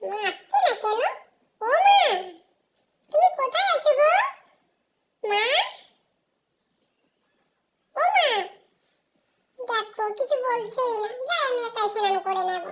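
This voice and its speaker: A woman's voice: extremely high pitch, normal speed, fairly bright tone, pitched above the performer's own voice. A woman voicing a small cheeky boy in a playful home role-play, babyish, giggly and clingy with his mother. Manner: babyish, giggly, calling out and teasing.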